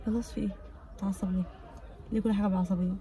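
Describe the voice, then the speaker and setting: A young woman with an Egyptian Arabic accent, chatting fast and teasingly while pranking her husband on the street. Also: medium pitch, a faint crowd. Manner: fast, teasing, stubbornly calm. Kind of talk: casual prank vlog chat. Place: outdoors on a street.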